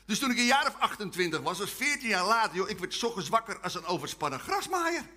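A man delivers a testimony sermon full of jokes. His voice sits high and bright, and his pitch swings widely as he leads the crowd in chants. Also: quick pace. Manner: humorous, animated, leads call-and-response chants. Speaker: preacher. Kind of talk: testimony sermon to a live audience.

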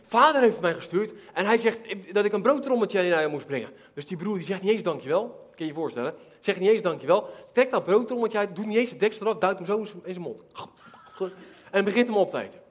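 A man with a high, light voice tells a sermon story. He acts out the characters as he goes and laughs along with his own telling. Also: animated, fast talker. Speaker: preacher.

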